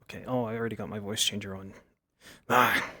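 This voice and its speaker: A man voicing a boisterous, stubby-legged male dwarf in in-game roleplay, his voice run through a voice changer that lowers it, talking loud and hammy. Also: steady tone, a little fast, no echo, clean studio sound.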